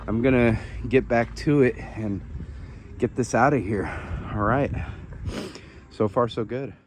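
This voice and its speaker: Male vlogger, relaxed and chatty, mid-range voice, filler-heavy, outdoor parking lot with faint noise. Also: mid-range voice, measured pace. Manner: laid-back, chatty, lots of fillers. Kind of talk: casual vlog.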